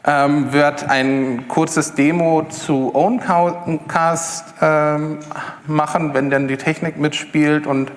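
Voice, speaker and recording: A man's voice: a little high, fairly even intonation, takes it slowly. Man giving a talk in an echoey hall. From Berlin. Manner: hesitant, many fillers and restarts. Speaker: conference speaker. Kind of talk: live tech talk. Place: lecture hall with audience. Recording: echoey hall with long reverb.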